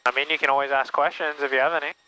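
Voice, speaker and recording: A man coaching a student pilot in a calm, matter-of-fact way over a cockpit headset intercom. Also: a little high, rapid-fire, highs cut off. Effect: pilot talking over a cockpit headset intercom. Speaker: flight instructor. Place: small plane cockpit. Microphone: headset mic. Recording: noisy cockpit intercom with engine hum. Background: engine noise.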